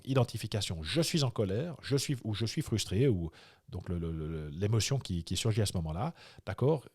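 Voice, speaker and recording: Coach guy teaching a workshop, lowish voice, dry sound, lots of euh and restarts. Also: darkish tone, no echo. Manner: hesitant, many fillers and repeated words; acts out example inner thoughts. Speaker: life coach. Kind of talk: video workshop lesson.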